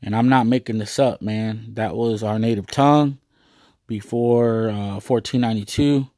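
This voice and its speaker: A man's voice: lowish voice, steady tone, moderate pace, dark tone, no room sound, clean studio sound. A man giving a rambling, earnest monologue to his viewers, full of hesitations and fillers. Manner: earnest, proud.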